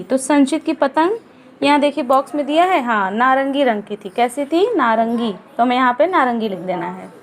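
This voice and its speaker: A woman teaching a first-grade class, speaking slowly and patiently, asking questions and answering them herself. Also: sits high. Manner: slow, patient, asks and answers her own questions. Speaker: primary school teacher. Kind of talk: online class lesson.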